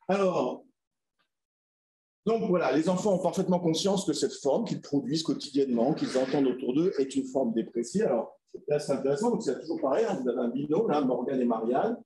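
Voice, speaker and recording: A man's voice: a little high, animated, a little fast, dark tone, slight background noise. Man lecturing in an echoey room. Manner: explanatory, with frequent "hein" and "voilà" fillers. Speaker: researcher giving a conference talk. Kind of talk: academic presentation.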